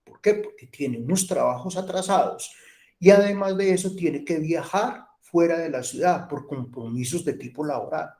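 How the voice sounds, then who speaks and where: Colombian man, middle-aged, online lecture, mellow, a bit high. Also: moderate pace. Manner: storytelling, acts out dialogue, repeats himself. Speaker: university lecturer.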